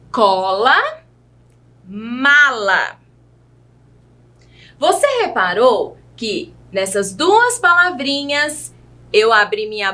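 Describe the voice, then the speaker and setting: A Brazilian woman teaching a children's video lesson, spelling out words slowly and patiently, asking her young learners questions as she goes. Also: a little high, pushed and bright. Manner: slow, exaggerated enunciation of words.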